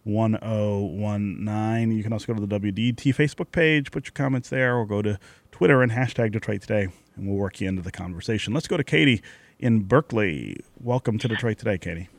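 A man hosting a call-in radio talk show, speaking in a measured way and reading out the phone number. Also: on the low side, gravelly, dry recording. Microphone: studio microphone.

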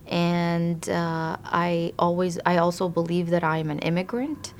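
Thoughtful lower-voiced woman from Iraq. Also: steady tone, measured pace, slight background noise. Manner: thoughtful, with frequent fillers and restarts. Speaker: interviewee, immigration attorney. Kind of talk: conversational interview answers.

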